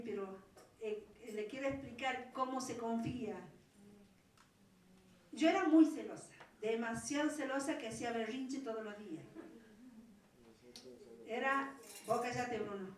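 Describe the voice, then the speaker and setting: A middle-aged woman pastor with an Argentine accent, preaching a fervent Pentecostal sermon that swells into loud pleas. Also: sits high. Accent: Argentine Spanish. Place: large church hall. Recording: very echoey hall, voice from far off.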